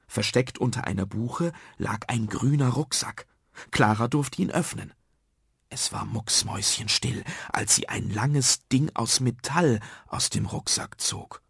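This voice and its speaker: Husky, gravelly male storyteller. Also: mid-range voice, measured pace, no echo, clean studio sound. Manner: lively, expressive storytelling. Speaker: narrator. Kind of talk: scripted children's story narration.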